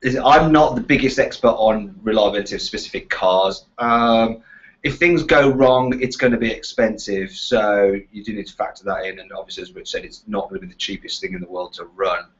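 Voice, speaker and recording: On slightly dull, lo-fi audio, a British presenter from Walsall, West Midlands, runs a casual question-and-answer chat about cars. He speaks a little fast in a voice on the low side, keeping things chatty and full of banter.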